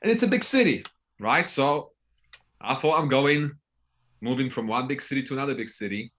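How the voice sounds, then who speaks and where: This man from Poland, in his thirties, has a mid-range, slightly bright voice with lively intonation at normal speed. As a podcast guest he tells stories casually with a Polish accent, bluntly and with swearing, often adding "right?"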